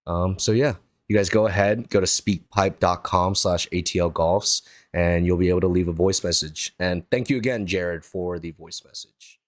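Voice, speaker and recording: Low-voiced man hosting a golf podcast. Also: normal speed, no echo, studio quality. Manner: upbeat, filler-heavy. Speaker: podcast host. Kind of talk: casual podcast chat.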